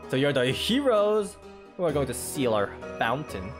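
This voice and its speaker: A man's voice: medium pitch, big pitch swings, normal speed, close to an everyday voice. A man reading video game dialogue as a weary, resigned old male shopkeeper creature. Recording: game music behind voice.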